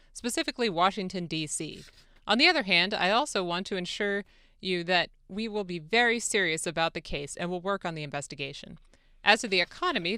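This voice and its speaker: A radio show producer gives a formal, polite dramatic reading of a phone-call transcript, voicing an eager, deferential foreign president. Her fairly low voice is pushed, bright, and smooth, recorded with studio quality and no echo on a close microphone in a radio studio.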